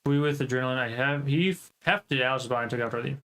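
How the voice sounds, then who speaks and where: A man's voice: mid-range voice, fast talker. A man playing a video game, reading its text aloud dramatically and commenting along the way. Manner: dramatic, acts out lines. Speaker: let's play streamer. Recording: voice over loud game music.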